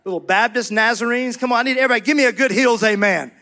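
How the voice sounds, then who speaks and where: A man with a fairly high voice preaches to a church congregation. He rallies the room with fervent calls, then drops to slow, soft, emphatic words. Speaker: pastor. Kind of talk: sermon.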